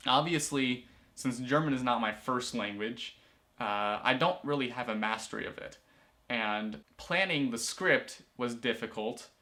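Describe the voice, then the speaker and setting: A teenage student filmmaker and vlogger talks casually to camera from the corner of a small indoor room, rambling with lots of fillers and restarts. His voice is medium-pitched, a little slow and sharp in tone.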